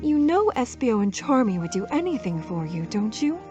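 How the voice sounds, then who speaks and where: A woman voicing a sweet, gentle cartoon mother, speaking softly and unhurriedly over music. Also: fairly high pitch, very animated, moderate pace. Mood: tender, flirtatious. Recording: clear music behind the voice.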